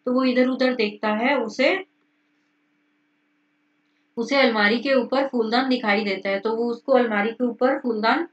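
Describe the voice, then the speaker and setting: A woman's voice: a little high, steady tone, a little slow, long pauses. A woman teacher who reads a story aloud, then explains each line again in casual everyday words. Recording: muffled sound from a distance.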